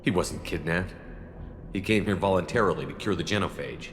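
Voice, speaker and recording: A man's voice: low voice, brisk, close to an everyday voice. A man voicing a tough, blunt military commander in a video game, direct and commanding. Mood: firm. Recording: reverberant hall, faint music behind. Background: faint music.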